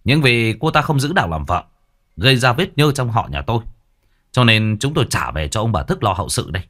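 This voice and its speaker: A man's voice: medium pitch, big pitch swings, brisk, a bit bright. A man doing a cold, scornful retainer. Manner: cold, scolding. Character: cold, contemptuous household retainer of a powerful lord.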